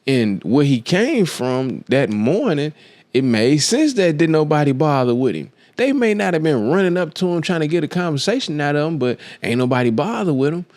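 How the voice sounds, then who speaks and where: A man's voice: fairly high pitch, sing-song, normal speed, a little mellow, dry recording. A man hosting his own show, telling a film story in a casual, slangy way and acting out the quotes as he goes. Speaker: podcast host. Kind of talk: casual monologue, film analysis.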